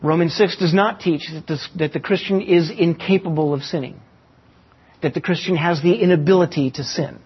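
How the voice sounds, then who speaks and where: Husky preacher, dull lo-fi recording. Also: male voice, a little high. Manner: teaching with illustrations and slow emphatic pauses. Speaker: pastor. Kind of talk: sermon.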